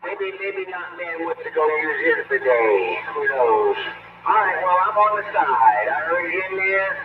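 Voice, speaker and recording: A man's voice: on the high side, very animated, unhurried. A man, calling in over a CB radio from his vehicle. He chats in a laid-back, crude and joking way, full of CB lingo. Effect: heard over a CB radio. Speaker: CB radio caller. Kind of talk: casual CB radio chatter. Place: driving in a vehicle. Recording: tinny, crackly CB radio from a distance.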